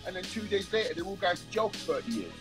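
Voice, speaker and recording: A man talks very quickly as a podcast host. His chat is casual, slangy and repetitive. Music plays clearly behind him. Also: sits high, big pitch swings. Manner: repeats himself, urban British slang.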